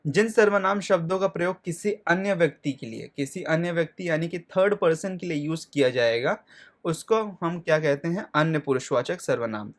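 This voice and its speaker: A male teacher talks through a grammar lesson in a slightly high voice. He puts questions to the class and answers them himself, and checks in often. He slows right down when he spells out lists of words. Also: lively intonation.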